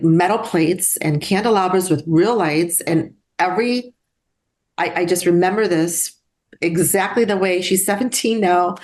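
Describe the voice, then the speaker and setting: Earnest middle-aged woman, lowish voice. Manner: earnest, halting, with restarts. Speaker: guest. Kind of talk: personal storytelling.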